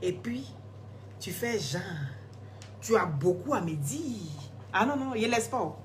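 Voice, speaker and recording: A hoarse woman, scolding and gossiping in a casual live stream, laughing often. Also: medium pitch, takes it slowly, slight background noise. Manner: animated, scolding, laughs a lot. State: hoarse, sore throat.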